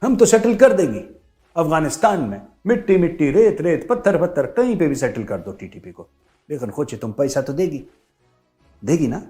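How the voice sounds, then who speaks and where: A man's voice: on the high side, very animated, normal speed, warm tone, roomy sound, faint music behind. A man voicing a pushy male Afghan Taliban envoy with a Pashtun accent who haggles for money in a mocking skit. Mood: wheedling. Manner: haggling, cocky.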